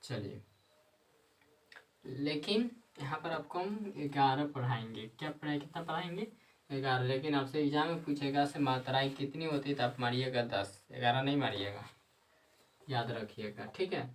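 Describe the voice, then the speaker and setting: Teacher, off-mic. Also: male voice, medium pitch, distant mic, rough recording. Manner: repetitive, asks and answers his own questions; dictates slowly word by word. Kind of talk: grammar lesson at a board.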